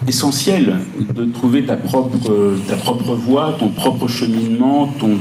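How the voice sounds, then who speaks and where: A man interviewing an artist, asking long questions in a slow, halting way with many fillers. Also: medium pitch, warm tone. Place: lecture room. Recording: echoey room with faint noise.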